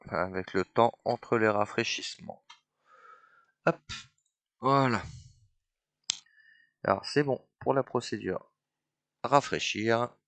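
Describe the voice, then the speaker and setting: Slow, unhurried man walking through code for a tutorial, halting as he thinks aloud. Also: fairly low pitch, fairly bright tone, no echo. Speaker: software trainer. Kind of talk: screen-recorded coding tutorial.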